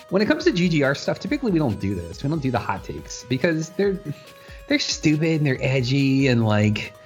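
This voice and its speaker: A man hosts a casual podcast with an informal, joking way of talking. His pitch is average, and music plays faintly behind him. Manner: jokey, informal. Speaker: podcast host. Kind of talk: casual chat.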